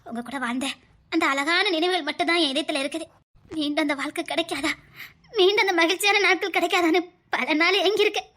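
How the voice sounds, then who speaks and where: A woman's voice: extremely high pitch, fast, sharp tone. A woman with a Tirunelveli Tamil accent playing a tearful, long-suffering wife who stays devoted to her husband. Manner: tearful, earnest, emotional. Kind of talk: family drama skit.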